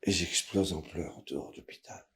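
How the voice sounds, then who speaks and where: A man, a rabbi, telling a story aloud with drama, acting out the people in it and swinging from hushed to loud. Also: low-pitched, normal speed. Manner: dramatic, voices characters with big swings in loudness. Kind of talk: emotional spoken storytelling.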